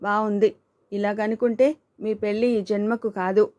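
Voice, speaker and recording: A woman's voice: mid-range voice, little pitch movement, normal speed, natural voice. A woman voicing Kanchana, an outspoken young woman who scolds and urges her friend, in an audiobook reading. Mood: urging. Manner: scolding, urging, sharp retorts.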